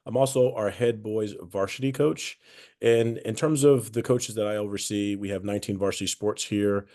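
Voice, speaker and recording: A man's voice: lowish voice, steady tone, normal speed, dark tone. A man who is an athletic director and coach introduces himself on a webinar panel over a video call, upbeat and enthusiastic.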